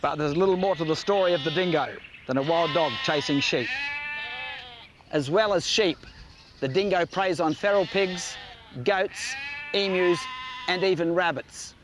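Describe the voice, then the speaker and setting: A man's voice: sits high, unhurried, noisy background. A man presenting outdoors in an easygoing way and chatting to his dog. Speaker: wildlife presenter. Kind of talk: presenting to camera.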